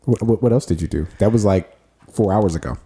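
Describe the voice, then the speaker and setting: Speaking a little fast in a lowish, dark voice, this young adult man rambles through casual podcast chat as a co-host, piling on fillers and starting sentences over.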